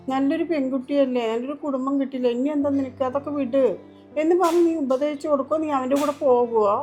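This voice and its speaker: A woman's voice: high-pitched, a little mellow, natural voice. A woman playing a stern mother in a family short film, emphatic and reproachful. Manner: scolding, emphatic, lamenting. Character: stern mother, fiercely protective of her daughter-in-law. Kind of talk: home-made family drama acting.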